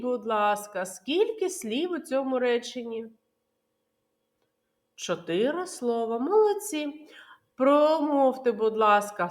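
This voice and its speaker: A woman kindergarten teacher giving a literacy lesson to young children, explaining patiently and clearly with many questions. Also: sits high.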